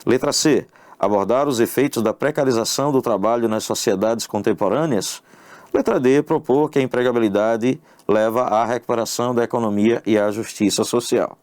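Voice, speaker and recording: A man's voice: mid-range voice, a little fast, a little mellow, no echo. A man teaching an exam-prep English lesson, explaining questions step by step and checking in with the viewer. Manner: explanatory, addresses the viewer directly with tag questions. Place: online video lesson.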